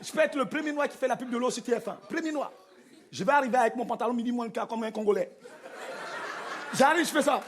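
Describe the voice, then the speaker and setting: A male stand-up comedian performing an animated, playful set, bantering with the crowd and slipping into mock accents. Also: very high voice, very fast. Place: large theater stage before a live audience. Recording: live concert recording with crowd noise. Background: audience laughter and noise.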